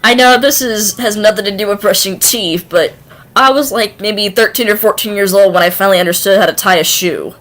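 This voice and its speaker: A woman in her twenties from North Carolina, hosting a casual livestream interview, chatty and quick to laugh. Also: mid-range voice, fairly bright tone. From Winston, North Carolina. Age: 20s.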